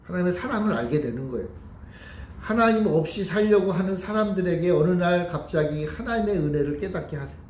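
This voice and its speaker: A male pastor delivers a sermon with emphatic repetition, putting rhetorical questions to his listeners. His voice sits slightly high for a man. The sound carries the echo of a large room. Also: animated, fairly quick, a little mellow, a little hiss or hum.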